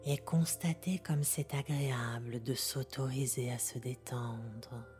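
A woman softly guiding a sleep meditation like a sleep story narrator, half-whispering in a calm, gentle, unhurried way. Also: extremely low pitch. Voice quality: soft, breathy, half-whispered. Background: music.

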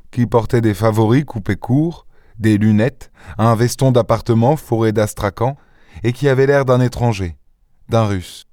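This is scripted audiobook narration by a man with a medium-pitched voice, delivered in a steady, even storytelling manner. The studio sound is clean, with no room sound at all.

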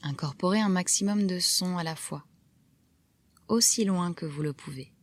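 A woman guiding a relaxation meditation, giving calm, soft, measured instructions with pauses between phrases. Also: fairly low pitch. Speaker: yoga nidra guide. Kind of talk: guided relaxation meditation narration.

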